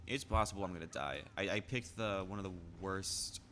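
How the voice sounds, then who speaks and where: Young male streamer, casual rambling chat, stammers a lot, lowish but bright voice. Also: lively intonation, fairly quick, a little hiss or hum. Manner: rambling, stammers and restarts, reads chat aloud.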